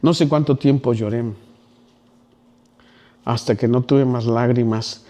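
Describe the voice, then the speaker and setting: A man preaching a sermon, telling a story with sudden drops to a hush and climbs to loud pleading. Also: mid-range voice, fairly even intonation, unhurried. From Mexico. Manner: dramatic storytelling with wide swings from near whispers to loud pleading. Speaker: pastor.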